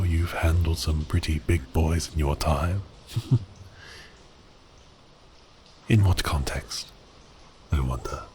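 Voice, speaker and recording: In an ASMR roleplay, a man voices a giant cursed sea beast prince, using grand archaic phrasing with a teasing, theatrical flair and a breathy bass that slips into whispers. He sounds amused and playful, over a little hiss or hum.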